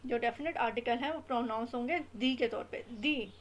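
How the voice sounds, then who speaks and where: A young woman with a high voice teaches English grammar as a patient lesson. She moves slowly through each rule, reading out English example phrases and leaning on the stressed words. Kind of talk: explaining grammar in a mix of Hindi-Urdu and English.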